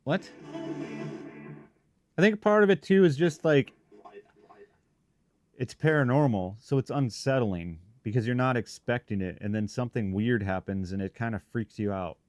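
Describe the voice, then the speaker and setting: A male paranormal investigator hosts a live stream from a shop, chatting informally with viewers and thinking aloud in rambling, broken phrases. His medium-pitched, darkish voice has lively intonation at a moderate pace with frequent pauses; there's no echo, just faint music behind.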